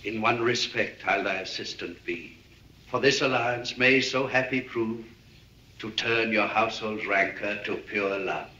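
An actor playing a calm, wise friar who speaks verse in a measured, reflective way in an old film. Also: male voice, on the low side, roomy sound. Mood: earnest. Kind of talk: 1950s film acting. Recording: dull old film soundtrack with faint hiss.

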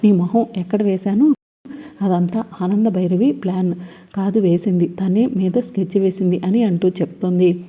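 A woman's voice: mid-range voice, moderate pace. A woman casually retelling a TV serial episode, running through the plot and reading out what the characters say. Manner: retells the plot in a steady flow and reads the characters' lines aloud. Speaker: serial recap narrator.

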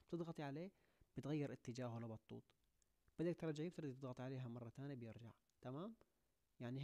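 A young man giving a video editing tutorial, talking quickly and constantly checking that the listener is following. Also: mid-range voice, mellow. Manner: rapid, keeps checking in. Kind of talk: screen-recorded tutorial.

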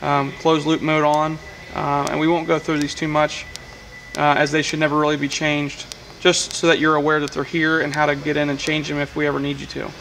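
A man with a somewhat high, gravelly voice explains a control panel step by step, matter-of-fact and flat in tone. He speaks in a workshop with faint machine-shop noise behind him, picked up by a camera mic. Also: fairly quick, low-quality recording. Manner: plain, matter-of-fact explaining with frequent uh fillers. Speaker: welding equipment technician. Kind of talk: hands-on equipment demonstration. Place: workshop beside a welding machine.

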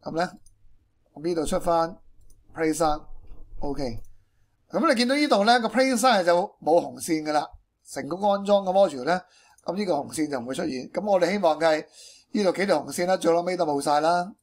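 High-pitched man with Hong Kong accent. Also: animated, fairly quick. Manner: peppers speech with English technical terms. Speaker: programming tutorial presenter. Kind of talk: informal screencast tutorial explanation.

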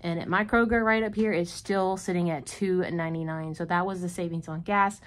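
A woman's voice: lowish voice, steady tone, fairly quick. Chatty woman tallying grocery savings. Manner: chatty, tallies prices and savings aloud. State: out of breath. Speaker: vlogger. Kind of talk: casual shopping haul vlog.

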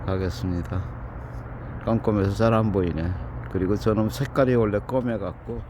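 A man's voice: fairly low pitch, moderate pace, background noise. Man chatting and cooing outdoors. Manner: chatty, scolds and coos at animals in turn. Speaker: video host. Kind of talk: casual running commentary while filming outdoors. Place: outdoors in a built-up area before dawn.

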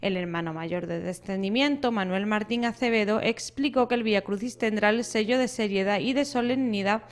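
A woman's voice: medium pitch, brisk. Spanish woman reading scripted news. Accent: Spain. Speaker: news reporter.

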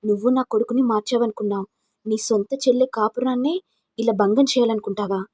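A woman's voice: a little high, fairly even intonation, fairly quick, a little mellow, slightly rough, no room sound. A woman reading an angry old patriarch. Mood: reproachful. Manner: reproachful. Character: angry elderly family patriarch, male.

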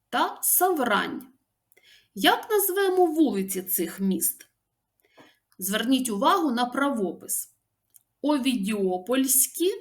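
A woman teacher with an Odesa accent, giving a scripted grammar lesson and stressing each example word slowly and deliberately. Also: on the high side.

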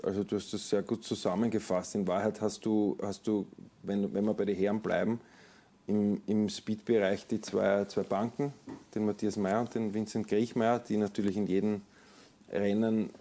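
Low, dark-voiced sports journalist. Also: male voice, fairly even intonation, moderate pace. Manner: conversational, thinks aloud with filler sounds and repeats. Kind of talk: studio sports discussion. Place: TV studio. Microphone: lapel mic.

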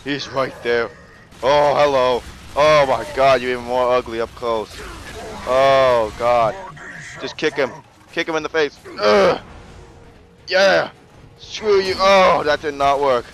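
A man giving casual gameplay commentary, excitable and jokey, with frequent exclamations and swearing. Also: medium pitch, slow pace, low-quality recording. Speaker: gamer narrating a let's play.

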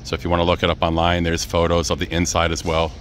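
Low-voiced man on a chatty walking tour. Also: completely flat delivery, fast. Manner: easygoing, chatty, addresses viewers as guys. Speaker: travel vlogger. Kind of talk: casual walking-tour narration. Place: outdoors on city streets. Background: faint street and traffic noise.

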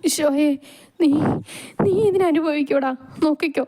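A woman's voice: mid-range voice, steady tone, brisk, darkish tone, clean tone, natural voice. A woman voicing a bitter old mother who speaks in an accusing way. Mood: cursing. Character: bitter old mother, cursing her son.

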